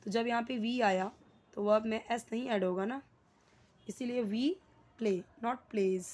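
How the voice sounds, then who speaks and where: Young Indian woman, English teacher, a touch high-pitched, slow and patient, checks in with questions. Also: a little mellow. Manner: explains slowly, checks with questions and repeats key words. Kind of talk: Hindi-medium English grammar lesson.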